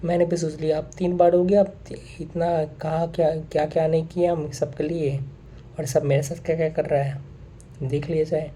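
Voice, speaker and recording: A young man with a very dark, mellow voice talks to his viewers in an earnest, unscripted monologue. He circles back over his points and drops English phrases into his speech. A faint hiss of noise sits under him. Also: a little high, little pitch movement, moderate pace. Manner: earnest, repeats himself, mixes in English phrases. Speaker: vlogger. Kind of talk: casual monologue to camera.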